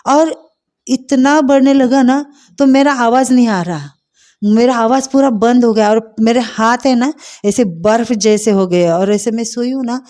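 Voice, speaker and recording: A middle-aged woman telling a personal faith testimony, heartfelt and hesitant, pausing often with fillers. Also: fairly high pitch, warm tone. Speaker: testimony speaker.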